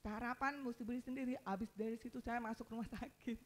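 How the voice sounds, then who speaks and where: A middle-aged woman pastor delivers a sermon in a relaxed flavored style. Her voice sits a little high. She tells stories with feeling, rising to loud pleading and dropping to a quiet murmur. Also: a little fast. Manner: emotional storytelling, swings from loud pleading to soft murmur.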